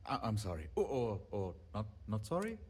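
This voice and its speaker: A man's voice: lowish voice, wildly swooping pitch, breathy edge, full character voice. An actor playing a fretful, apologetic male handyman who rambles and talks himself down, in video game dialogue. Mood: nervous, rambling. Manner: rambling, self-deprecating, quick to apologize.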